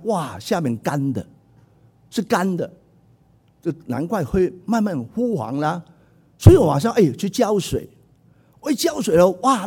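A middle-aged man preaching a sermon, animated and acting out voices in his stories. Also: high voice, slightly rough. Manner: animated, acts out quoted voices.

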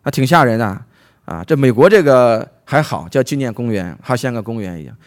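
A man's voice: medium pitch, animated, brisk. A male preacher from China gives a Bible sermon, retelling the story with rhetorical questions to his listeners.

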